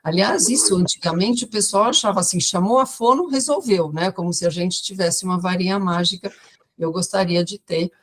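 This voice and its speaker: Mulher de setenta anos, narradora animada. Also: female voice, on the low side, brisk. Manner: lively storyteller, acts out quoted voices. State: tired from talking all day. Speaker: guest speech therapist. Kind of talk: storytelling in a podcast interview.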